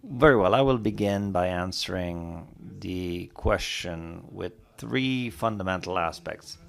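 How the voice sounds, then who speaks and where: A man answering as a panelist at a conference, speaking in a deliberate, formal way. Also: deep voice, creaky.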